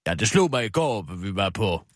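A vain older woman TV host, fond of drink and easily slighted, as a man plays her in a radio comedy sketch. She rambles on in a petulant, indignant tone, her pitch swinging widely before dropping into a low grumble. The recording is close and dry. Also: big pitch swings, dry recording. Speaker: radio show regular.

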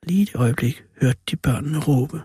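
Spooky ape storyteller, dramatic delivery, raised pitch, dry booth. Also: male voice, warm tone, breathy edge, no room sound. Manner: dramatic, theatrical reading. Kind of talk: scripted spooky story reading.

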